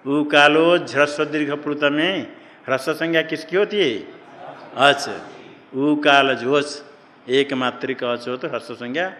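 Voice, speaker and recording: A man's voice: medium pitch, bright, forceful tone, in a large hall. A man teaching Sanskrit grammar to a class. He keeps asking the students questions and then answers them himself, repeating the key terms. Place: ashram classroom.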